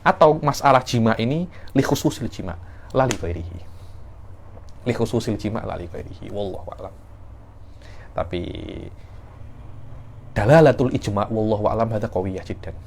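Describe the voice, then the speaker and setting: A man's voice: fairly low pitch, animated, normal speed, long pauses, slight background noise. A man teaching Islamic legal theory in a class, explaining the text and acting out short examples. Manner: explains in a mix of Malay and Arabic terms, with acted examples.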